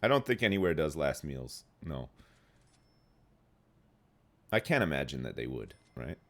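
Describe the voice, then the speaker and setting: With a bass voice that's sing-song and a little slow, this thirty-something streamer rambles through casual live gameplay chat. He sounds phlegmy as he responds to viewers.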